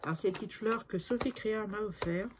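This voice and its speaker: A woman's voice: mid-range voice, a little fast, noisy background. A woman in her sixties chatting through a crafting tutorial, talking to herself as she works and often trailing off to a murmur. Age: 60s. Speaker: crafting video maker.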